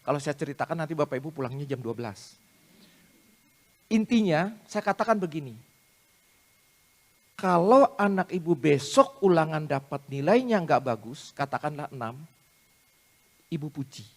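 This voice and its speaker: Animated man preaching with storytelling. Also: fairly high pitch, moderate pace, pauses often. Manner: animated storyteller addressing the congregation directly; self-deprecating humor. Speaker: speaker at a prayer meeting. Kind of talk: sermon with personal storytelling.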